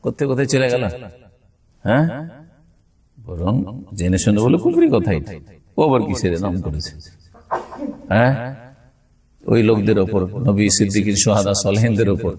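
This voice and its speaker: A man's voice: fairly low pitch, lively intonation, a little mellow, breathy edge. A man giving a classroom lecture on religious law. He explains patiently, recites Arabic passages carefully, and often asks his listeners whether they follow. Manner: explains slowly, checks understanding with frequent rhetorical questions. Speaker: religious teacher. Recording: voice from a distance.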